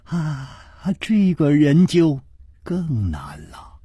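A man voicing a scheming young nobleman in a storytelling reading, speaking softly and low, at times near a whisper. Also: huge pitch swings, drawn-out words, dry recording, dull audio, full character voice. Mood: explaining. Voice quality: soft low breathy.

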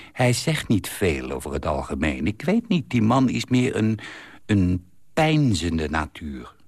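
A man reading aloud in the voice of a chatty middle-aged woman, telling her story with lively, confiding storytelling. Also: on the low side, creaky, slightly rough, no echo, clean studio sound, full character voice. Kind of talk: reading a literary column aloud.

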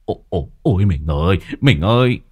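A man's voice: low-pitched, animated, normal speed, darkish tone, slightly rough. Man doing a whimpering cowardly addict. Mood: pleading. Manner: stammering, whimpering, pleading. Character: cowardly whining young man, drug addict.

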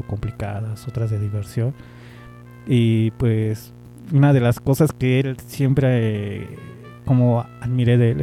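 Gravelly-voiced Mexican man telling stories. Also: medium pitch, mellow. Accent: Mexican Spanish. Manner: rambling, slangy, laughs often. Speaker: amateur radio-style host. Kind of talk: casual personal storytelling.

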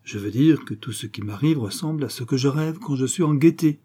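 A man's voice: medium pitch, a little fast, warm tone, breathy edge, pitched above the performer's own voice, lightly acted. A man reading a French novel aloud, voicing a shrewd old female rag-picker with a sly, wheedling manner.

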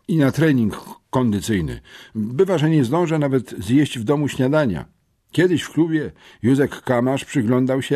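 Mężczyzna grający zalęknionego, głodnego chłopca. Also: male voice, medium pitch, warm tone, breathy edge. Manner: stammering, pleading. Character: nervous hungry schoolboy.

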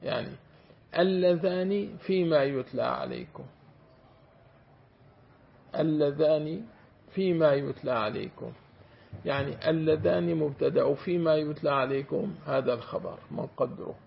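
In a classroom grammar lecture on Quranic commentary, a sheikh speaks at a moderate pace in a fairly high voice with vocal fry and long pauses. He draws words out to show them and makes sure his students keep up, on dull lo-fi audio with faint hiss.

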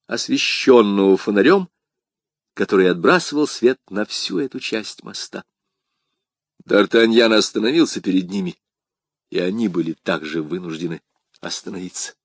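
A man reading a historical adventure novel aloud as an audiobook narrator, with dramatic, expressive storytelling. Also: lowish voice, dry recording, studio quality. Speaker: audiobook reader. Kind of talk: scripted narration.

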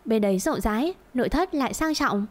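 Woman putting on a spiteful coy mistress for an audio story, sneery and fawning, kinda high voice. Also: lively intonation, a little fast. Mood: smug. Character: scheming middle-aged mistress, spiteful and coy.

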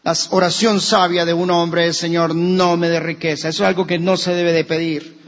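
A Colombian man preaching a sermon as a pastor, animated, acting out quoted voices and rising at times to shouts. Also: on the high side, moderate pace, in a large hall, lo-fi sound. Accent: Colombian Spanish. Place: church.

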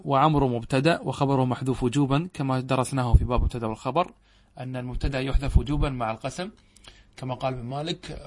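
A middle-aged male scholar teaching grammar at an ordinary pitch. He explains each point patiently, often pausing to ask if the students understand. He reads quoted verses aloud slowly. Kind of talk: classical Arabic grammar lesson.

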